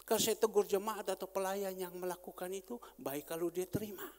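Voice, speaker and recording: A man preaching a sermon as pastor, swinging between loud emphasis and hushed asides. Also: high voice, steady tone, brisk. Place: large church hall. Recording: long church hall reverb.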